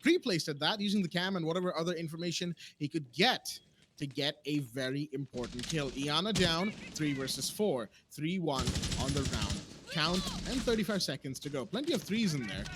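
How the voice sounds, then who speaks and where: A man doing play-by-play esports commentary who gets excitable and loud when the action picks up. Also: normal speed, noisy background. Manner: excitable, voice jumps high in big plays. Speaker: esports caster.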